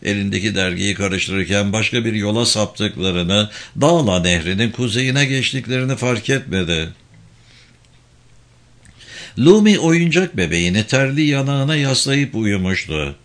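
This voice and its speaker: A man narrating a story as an audiobook, with an expressive, lively reading. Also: lowish voice, moderate pace, few pauses.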